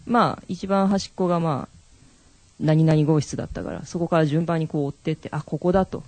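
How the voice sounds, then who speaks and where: A man's voice: fairly high pitch, a little fast, a little mellow, dry recording. A man in a casual chat show, telling an anecdote and acting out the lines of the people in it. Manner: storytelling with acted-out quotes. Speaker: podcast co-host.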